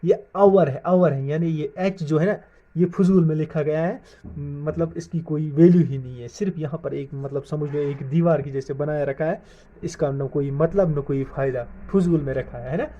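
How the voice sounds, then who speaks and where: This English grammar lesson on video comes from a man in Jammu and Kashmir who spells words out one letter at a time and answers his own questions to the class. His pitch is fairly high and his pace moderate, captured in dull lo-fi audio.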